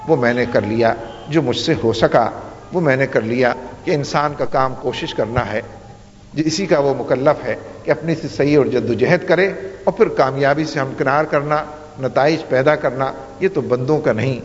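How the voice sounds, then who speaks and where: A male preacher delivers a rhetorical sermon, building each point through repeated phrases and weaving in Arabic recitation. His mid-pitched voice rings out in a large hall with a long reverb tail. The recording sounds dull and muffled.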